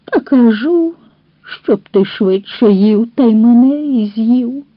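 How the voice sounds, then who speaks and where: A woman voicing a sly old peasant grandmother, chanting softly under her breath. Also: fairly high pitch, expressive, slow, no room sound. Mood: hushed. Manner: soft, hushed chant. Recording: dull dry recording.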